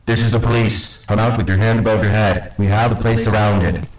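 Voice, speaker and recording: A man playing a police officer who barks rapid orders at a suspect through a megaphone. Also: fairly low pitch, fairly even intonation, a little mellow, roomy sound, poor audio. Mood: commanding.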